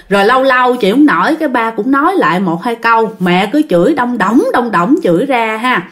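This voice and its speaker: A woman storyteller, her voice sitting a little high. She narrates a ghost story in a loose, chatty way, repeating herself and turning to address her listeners. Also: a bit bright.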